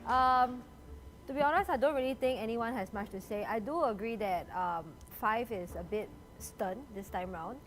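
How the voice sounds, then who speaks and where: A higher-voiced woman with a Singaporean accent chats in casual Singlish during a game. Music plays clearly behind her voice. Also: normal speed, poor audio. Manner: speaks Singlish, with local particles and exclamations. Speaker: player in a social deduction game show.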